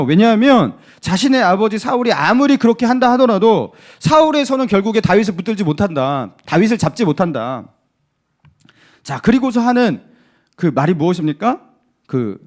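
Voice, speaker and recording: A male pastor preaches a sermon in his church. His voice is high for a man and swings widely in pitch. He keeps drawing in the congregation with questions. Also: moderate pace. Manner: animated, rhetorical questions to the congregation. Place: church sanctuary.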